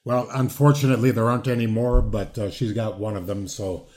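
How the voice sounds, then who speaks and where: A man's voice: lowish voice, fairly even intonation, a little fast, a little mellow. A man in his sixties chatting casually as a podcast host, rambling with many fillers and restarts. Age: 60s. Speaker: podcast host, former wrestler. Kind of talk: casual interview chat.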